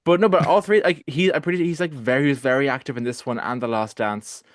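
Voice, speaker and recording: A man co-hosting a film podcast, arguing his take in animated casual chat full of restarts and fillers. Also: mid-range voice, brisk, dry recording, clean studio sound. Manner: animated, argumentative, lots of restarts and "like". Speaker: podcast co-host.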